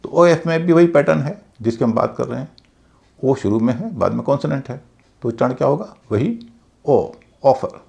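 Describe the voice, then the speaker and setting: A man's voice: mid-range voice, lively intonation, fairly quick, creaky, a little mellow. A male teacher giving a methodical lesson on English pronunciation, patiently spelling out words letter by letter. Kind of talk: explanatory lesson.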